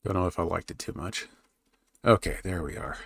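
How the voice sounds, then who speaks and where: A man live-streaming while he draws a fantasy map, thinking aloud and chatting with his viewers in a relaxed, rambling way. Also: sits low, fairly quick, creaky, slightly rough. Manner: thinks aloud, muttering while he works, then perks up to talk to chat. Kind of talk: casual live-stream chat while working.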